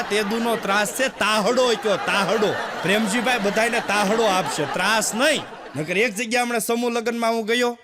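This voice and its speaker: A man's voice: high voice, pushed and bright. Guy doing stand-up jokes on stage, plays out the dialogues, echoey hall. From Gujarat, India. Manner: tells village jokes with quoted dialogues, repeats punchlines. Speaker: stand-up comedian. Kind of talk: folksy stand-up joke telling. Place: stage show before an audience.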